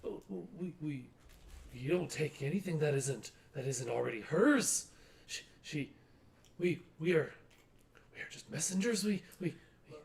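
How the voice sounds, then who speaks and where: A man doing a squeaky, timid kobold. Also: expressive, measured pace, vocal fry, pauses often, darkish tone. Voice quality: squeaky, stammering.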